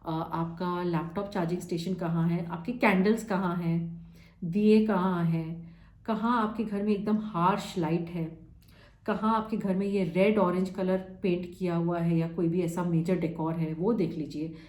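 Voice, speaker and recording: Hindi-English teaching woman, mellow, echoey. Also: lowish voice, fairly even intonation, unhurried. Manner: explains in lists, checks in with "ठीक है?" and "right?"; mixes Hindi with English phrases. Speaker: vastu course teacher. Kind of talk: live online lesson.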